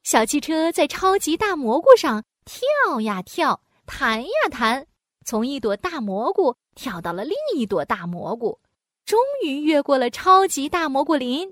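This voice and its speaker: A woman narrating a children's storybook in an animated, sing-song way, with playful sound words. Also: high voice, a little slow, dry recording, studio quality.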